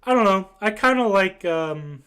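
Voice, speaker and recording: A man's voice: high voice, lively intonation, moderate pace, bright, forceful tone, smooth. A young man from Ohio in casual chat, rambling and hesitant, full of fillers. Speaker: voice chat participant.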